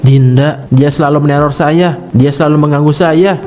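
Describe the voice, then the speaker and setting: A man's voice: a little high, fairly even intonation, moderate pace, warm tone, soft background music, close to an everyday voice. A man voicing a deranged male schoolteacher in a cartoon who rambles, cackles and panics. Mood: terrified. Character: deranged male schoolteacher, scheming then crazed. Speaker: teacher. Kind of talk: cartoon voice acting.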